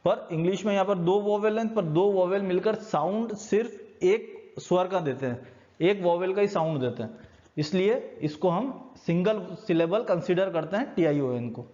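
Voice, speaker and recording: A man's voice: high-pitched, lively intonation, moderate pace, dark tone. A man with an Indian accent teaching a recorded school lecture, explaining patiently step by step and mixing Hindi with English. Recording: dull lo-fi recording.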